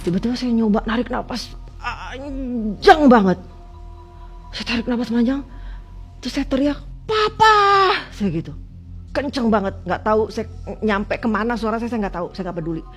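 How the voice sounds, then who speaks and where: A woman from West Java appears as a guest, telling her own experience in an emotional storytelling way at normal speed with faint music behind. She swings between loud cries and hushed, lowered passages.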